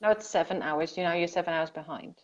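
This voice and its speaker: A woman's voice: on the low side, fast talker, dull audio, crowd noise. A young woman hosting a casual live-stream talk, chatty and often restarting her sentences. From Netherlands. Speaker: host.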